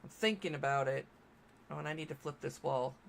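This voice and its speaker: Gravelly gamer, casual play-by-play, thinking out loud, faint noise behind. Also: mid-range voice, fairly quick. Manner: thinking aloud while building, chatty. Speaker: game streamer. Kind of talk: casual gameplay commentary.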